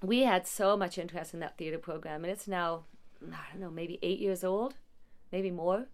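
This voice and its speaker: Speaking at normal speed in a lowish, steady voice, a woman who heads a non-profit support agency responds to interview questions in a conversational way. Her storytelling is warm, full of restarts and little laughs.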